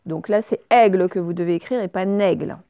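A woman's voice: on the low side, a little fast, mellow, no room sound, clean studio sound. A woman teacher giving a patient spelling lesson, spelling words out letter by letter for young pupils. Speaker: primary school teacher. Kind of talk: recorded remote spelling lesson.

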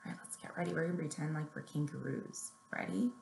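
Here a woman in her thirties, hosting story time for little ones, speaks fast in a low, creaky voice with a darkish tone while giving them simple, encouraging directions. The audio comes from a webcam or laptop held at arm's length, with roomy echo and noticeable background noise.

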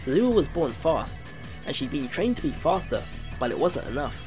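With game music playing behind him, a let's play narrator reads a game's story text aloud, stumbling and restarting here and there. His slightly high voice is very animated, and he speaks at a normal speed.

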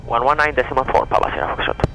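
A man in his twenties talks very fast in a mid-range voice as he pilots a small prop plane by himself, calling checklists, commenting, and radioing during taxi and flight. Poor audio from his aviation headset boom mic carries steady engine noise from the light aircraft.

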